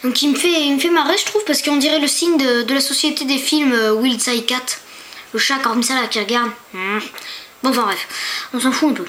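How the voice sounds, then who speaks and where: Woman, high voice, casual screen-tour narrator, hesitant and chatty, talks straight to viewers, home computer mic. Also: fairly quick, a bit bright. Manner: chatty, hesitant, stumbles over foreign names; talks to viewers with rhetorical questions. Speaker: YouTuber.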